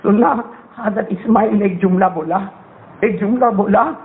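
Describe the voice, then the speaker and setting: Fervent male preacher with a high voice, emotional storytelling sermon that keeps quizzing the crowd, narrow phone-like audio. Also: vocal fry. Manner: fervent, repeatedly quizzes the audience. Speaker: Islamic preacher. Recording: tinny phone-like sound.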